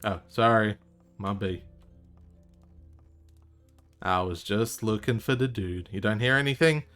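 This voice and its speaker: A man's voice: fairly low pitch, unhurried, fairly bright tone. A man streaming a video game live, commenting in a wry, offhand way and swearing freely. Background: game music.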